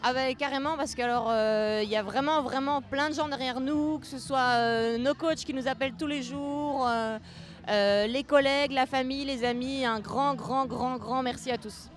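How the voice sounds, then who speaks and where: A woman's voice: sits high, fairly even intonation, normal speed. A woman competing in an adventure race, answering enthusiastically in a casual interview with faint music behind. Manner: upbeat, enthusiastic. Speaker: race participant.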